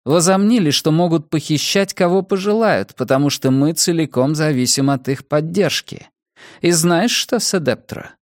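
A man's voice: fairly high pitch, moderate pace, dry recording, pitched above the performer's own voice, lightly acted. A man playing a cool, ironic woman leader. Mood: cold, ironic. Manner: cold, dry irony. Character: aging female political leader, cool and ironic.

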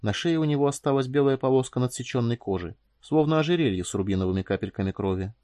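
A man narrating an audiobook in a calm, measured reading voice. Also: medium pitch, no echo, clean studio sound. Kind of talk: scripted narration.

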